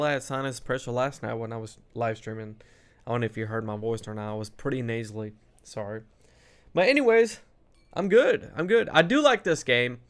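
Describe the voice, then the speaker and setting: A man streaming a video game, with a middle-pitched voice that sounds stuffy from allergies. He chats casually with viewers. He reacts loudly to what happens on screen. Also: clear, resonant tone. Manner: chatty, reacts loudly to gameplay. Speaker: gaming streamer. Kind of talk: casual gameplay commentary.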